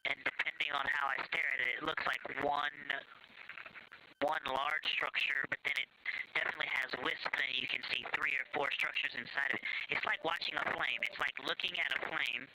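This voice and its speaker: A man speaks as an astronaut over a crackly, breaking-up space radio link, his voice thin and distant. A steady hiss of static sits under every word. He talks haltingly, restarting sentences as he searches for the right description, his tone awed. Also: on the high side. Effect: crackly space-to-ground radio link. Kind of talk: live report from spacecraft. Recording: noisy distant radio transmission.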